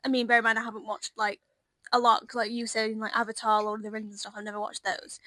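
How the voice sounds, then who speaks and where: A woman's voice: a little high, completely flat delivery, quick pace, pushed and bright, no echo. A young woman co-hosting a podcast, chatting casually and giving strong opinions. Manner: chatty, opinionated, many "like" fillers. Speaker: podcast co-host. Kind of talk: casual chat.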